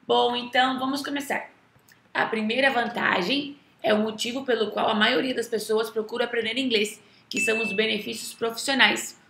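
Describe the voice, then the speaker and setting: A woman's voice: fairly high pitch, creaky, sharp tone. A Brazilian woman, an English teacher, talking casually to the camera in a chatty way with a Brazilian Portuguese accent, often tagging her sentences with a questioning aside. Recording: roomy echo.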